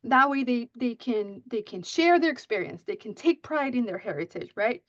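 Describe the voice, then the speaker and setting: A Persian-speaking writing instructor delivers an animated conference presentation on teaching writing in a slightly high voice at normal speed. She often checks with "right?" and restarts sentences, recorded in muffled, dry sound with no room ambience.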